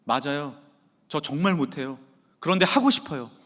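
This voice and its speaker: A man's voice: on the high side, normal speed, a bit bright, long reverb tail, natural voice. A man voicing an eager, humble teenage girl student, speaking earnestly and pleadingly.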